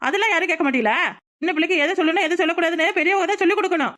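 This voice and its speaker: A defiant, quarrelsome cartoon aunt, acted by a woman, firing off retorts fast in a very high, bright voice. She argues without letting up. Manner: argumentative, shrill scolding. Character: quarrelsome defiant young aunt in a joint family.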